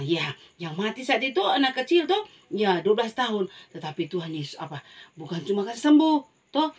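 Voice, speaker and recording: A woman leads a children's Bible lesson. She tells the story in a lively way and keeps calling out to the young listeners. Her voice sits at a middle pitch. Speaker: Sunday school teacher.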